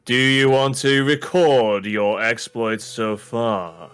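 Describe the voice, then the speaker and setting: Flat, stilted game narrator, a man's impression, odd stresses, slow drawl. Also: mid-range voice, clear, resonant tone. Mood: deadpan. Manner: flat, elongates the wrong words. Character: monotone, over-the-top game narrator.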